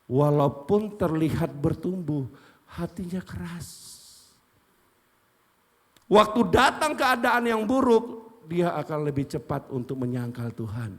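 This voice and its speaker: A man preaching, his voice sitting high for a man. He drives his points home by firing questions and answering them himself. A long church reverb trails behind every phrase. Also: very animated, unhurried. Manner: emphatic, asks and answers his own questions. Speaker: pastor. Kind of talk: sermon. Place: church sanctuary.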